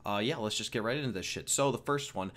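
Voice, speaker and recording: A 21-year-old American man with a mid-range, slightly bright voice talks at a quick pace. He answers viewer questions in a casual Q&A vlog, rambling and joking with plenty of fillers and repeats.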